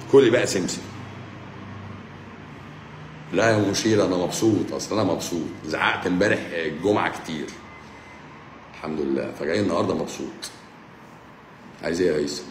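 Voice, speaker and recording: A man with an Egyptian accent, a doctor answering viewers' comments on a live stream in a joking, teasing, brisk manner. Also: low voice. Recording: roomy echo, faint background hum.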